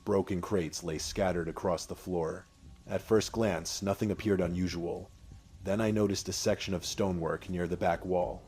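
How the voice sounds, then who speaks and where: A man narrates a first-person horror story in a solemn, measured way, with short phrases and deliberate pauses. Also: low-pitched, a little mellow.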